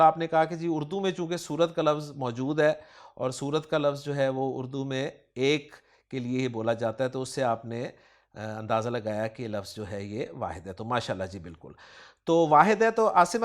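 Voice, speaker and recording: A man with a Pakistani Urdu accent teaching Quranic grammar, quizzing his student and praising each answer. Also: mid-range voice. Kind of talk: question-and-answer grammar lesson.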